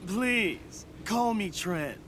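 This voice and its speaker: A man voicing a smooth, self-assured young male pony travel writer in a cartoon. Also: high-pitched, lively intonation, very slow, background noise, heavily acted. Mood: suave. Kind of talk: cartoon dub acting.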